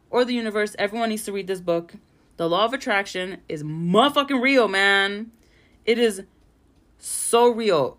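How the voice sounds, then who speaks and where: Woman podcast host, young adult, lowish voice, loose and profane, rambling solo chat recorded at home. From Puerto Rican family. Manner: chatty, frank, swears freely. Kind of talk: casual solo podcast monologue. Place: bedroom vanity at home.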